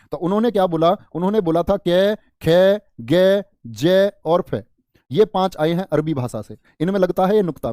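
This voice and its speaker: A man's voice: on the high side, mellow, no room sound, clean studio sound. A man teaching spelling in a live online class, talking in a colloquial, playful way and calling the students "bhaiya" and "mera lal".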